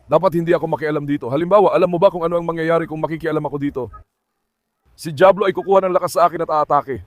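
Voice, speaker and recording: Isang lalaking nagkukuwento sa mga manonood habang inaalo ang kanyang mga aso. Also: male voice, fairly high pitch, fairly even intonation, rapid-fire, no room sound, highs cut off. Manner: talks to viewers and coaxes his dogs. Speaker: dog owner narrating his dogs. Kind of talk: casual vlog commentary.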